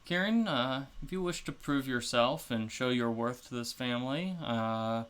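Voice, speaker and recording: A man's voice: mid-range voice, normal speed, fairly bright tone, clear, resonant tone, lightly acted. A man voicing an amused older male noble who heads a house, speaking in a wry, teasing, lordly manner.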